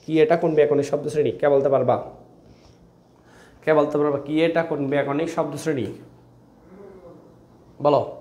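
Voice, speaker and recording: A man's voice: fairly high pitch, steady tone, normal speed, long pauses, a little mellow, reverberant. A young man teaching an online grammar class in a chatty way, repeating his questions and calling students brother. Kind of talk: online exam-prep class.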